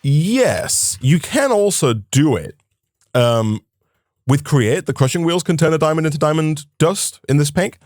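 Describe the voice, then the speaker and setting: A man's voice: a little high, expressive, unhurried, a little mellow, dry recording, studio quality. Chatty man explaining game mechanics. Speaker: co-host. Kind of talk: casual gaming chat.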